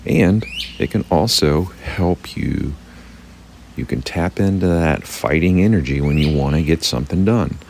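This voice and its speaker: A man with a hoarse, croaky frog voice, hosting a reflective, unscripted solo podcast. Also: a bass voice, lively intonation, unhurried, darkish tone, slight background noise. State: temporarily hoarse. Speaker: podcast host.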